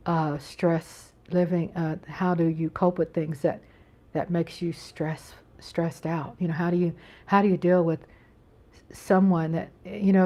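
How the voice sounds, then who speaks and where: An American woman hosts a casual live-stream chat from her home as the channel's host. She speaks earnestly and ramblingly, with frequent restarts, in a voice on the low side. The highs in the audio are cut off.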